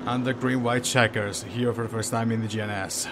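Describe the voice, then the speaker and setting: A man giving live sim racing commentary, hesitant and full of fillers, unsure of the order and bursting into excitement at incidents. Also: mid-range voice, a little fast, noisy background. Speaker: race commentator.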